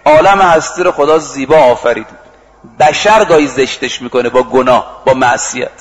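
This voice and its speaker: A man giving a sermon, telling stories vividly, acting out the quoted dialogue, and slowly chanting scripture and verse. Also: medium pitch, low-quality recording. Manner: lively storytelling that acts out quoted exchanges and chants scripture and verse. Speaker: preacher. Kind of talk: storytelling sermon.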